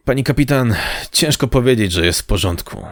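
A man plays a shaken young crewman in an audiobook, his voice raised a little and halting. He reports in distress. The sound is dry and close. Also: on the low side, little pitch movement, no echo, lightly acted.

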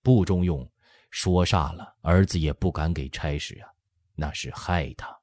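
Brief: dutiful emperor addressing his mother, read by a male narrator, low and measured. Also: darkish tone, dry recording, clean studio sound. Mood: deferential. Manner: deferential, explaining. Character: middle-aged emperor, dutiful, respectful son.

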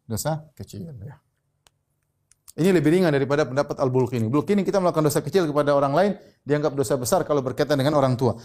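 A man preaching in a steady lecture voice, his tone sitting a little high for a man. He repeats his key phrases and slows down to read quotations carefully. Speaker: Islamic preacher. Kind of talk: religious lecture.

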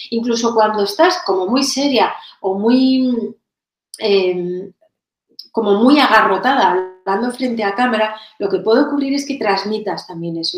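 A woman from giving energetic, direct on-camera advice as a presentation coach. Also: medium pitch. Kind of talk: on-camera tutorial. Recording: roomy echoey room.

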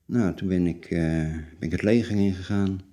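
A man in his late forties with a very deep voice. His tone is very dark and mellow. He talks bluntly and haltingly, as a guest in a personal interview. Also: fairly even intonation. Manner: halting, blunt, plain-spoken. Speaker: interview guest telling his life story.

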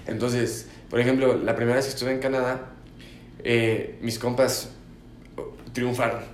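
Young mexican dude chatting loose and slangy, roomy echo, bit of background hum. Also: male voice, medium pitch, level tone, unhurried. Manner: slangy, says "güey" constantly. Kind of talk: casual chat. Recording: echoey room, faint ambient noise.

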